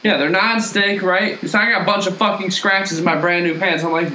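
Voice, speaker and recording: A man swapping stories with his buddies, talking in loose, rambling bursts full of fillers and swearing. His voice is bright and a little high. The room gives it a noticeable echo. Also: fairly even intonation, a little fast, a little hiss or hum. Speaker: group chat participant. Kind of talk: casual banter.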